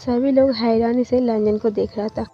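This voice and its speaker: A woman host reading a fan fiction story aloud in a plain, even storytelling manner, quoting each character's lines. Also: fairly high pitch, normal speed. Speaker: channel host and story narrator. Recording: dull lo-fi recording with faint music. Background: faint background music.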